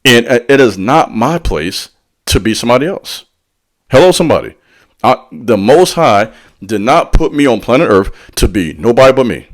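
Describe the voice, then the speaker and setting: His medium-pitched voice swings widely as he speaks at an ordinary pace, preaching straight to his listeners. The motivational spiritual talk is slangy and direct, peppered with call-and-response asides.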